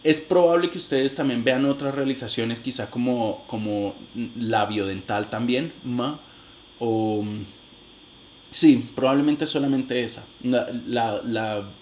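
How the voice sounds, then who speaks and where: Male lecturer, unhurried, halting delivery, sounds out examples himself, light background noise. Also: mid-range voice. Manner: demonstrates sounds, hesitant restarts, addresses viewers directly. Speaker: phonetics teacher. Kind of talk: recorded lecture.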